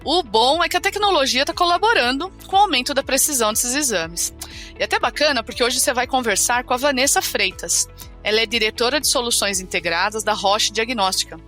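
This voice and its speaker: This is a podcast co-host in casual health chat, a woman who is talkative and cheerful and tends to tack a questioning aside onto what she says. She speaks fairly quickly at a fairly high pitch, with a sharp tone, over soft background music.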